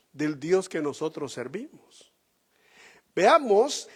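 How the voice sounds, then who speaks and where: Slow, animated Spanish-speaking pastor preaching. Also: male voice, high-pitched, in a large hall. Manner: slow, emphatic preaching with rhetorical questions. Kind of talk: sermon.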